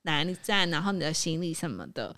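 A woman with a Taiwanese Mandarin accent, hosting a podcast and telling a story in casual chat, animated and laughing often. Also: low-pitched, fairly quick. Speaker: podcast host.

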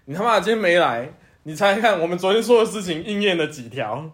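A man with a Taiwanese Mandarin accent trades crude banter on a podcast, his voice sitting high for a man. He swears freely, laughs between lines and plays out the people in his stories. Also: expressive, fast talker, fairly bright tone. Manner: laughs often, swears freely, acts out quotes. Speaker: podcast co-host.

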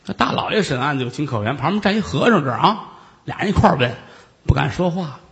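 A man performing traditional Chinese storytelling, lively and exclamatory with quick asides. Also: a little high, creaky, lo-fi sound.

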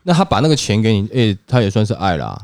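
A man with a Taiwanese accent chatting casually as a podcast co-host, animated, swearing freely and acting out quotes. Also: lowish voice, fast talker, no echo, studio quality. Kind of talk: casual chat.

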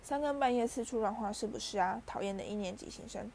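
A woman's voice: on the high side, fast, creaky, darkish tone, a little hiss or hum. A woman voicing a mischievous male poltergeist with a taunting, sing-song manner.

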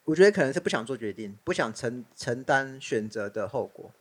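A male podcast co-host with a Taiwanese accent rattles along quickly at a mid pitch. He chats informally, telling anecdotes with a bantering, comedic touch. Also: animated. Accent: Taiwanese Mandarin. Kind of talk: casual comedic chat.

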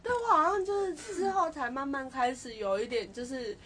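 A woman's voice: high voice, moderate pace, a bit bright, slight background noise. A young woman co-hosting a podcast, talking reflectively and hesitantly in casual chat. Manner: reflective, hesitant, with frequent restarts. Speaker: podcast co-host.

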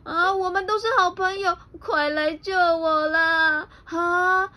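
A woman voicing a big, playful, clumsy male bear in a picture book read-aloud, loud and overexcited. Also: medium pitch, very animated, takes it slowly. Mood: panicked pleading. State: crying out in panic.

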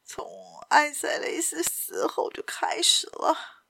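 A woman's voice: sits high, huge pitch swings, vocal fry, bright, forceful tone, pitched above the performer's own voice, heavily acted. A woman doing a pained, whispering old father. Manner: faint pained whisper, halting. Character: old father, broken and pleading, male. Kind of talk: audiobook character voice.

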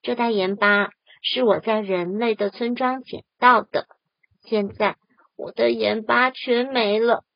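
A woman's voice: fairly high pitch, fairly even intonation, measured pace, creaky, dry recording, lo-fi sound. A woman voicing a flustered orangutan in a storybook, explaining in a hurry. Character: flustered orangutan, hurried and excitable.

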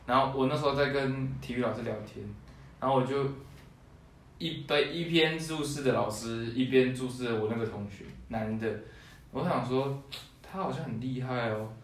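A young man tells childhood anecdotes in a loose chat, breaking into laughter often. His voice sits at a middling pitch and comes from a little off the mic. The room around him rings with echo. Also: moderate pace. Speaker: podcast co-host. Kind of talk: casual chat, storytelling. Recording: roomy echo, distant mic.

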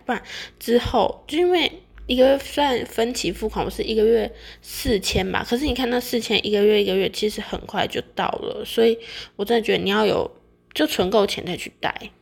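A young woman with a Taiwanese accent talks in a casual, rambling vlog style. Her mid-pitched voice has a noticeable creak, and she often doubles back to repeat or fix her words as she addresses her viewers. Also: a little fast. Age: young adult. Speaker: vlogger sharing personal experience. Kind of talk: casual chatty monologue to viewers.

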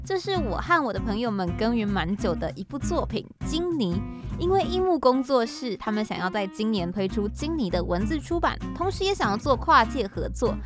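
Over background music, a woman with a Taiwanese Mandarin accent introduces the podcast she hosts and writes scripts for, in a casual, explanatory way. Her voice is on the high side, very animated and fairly quick.

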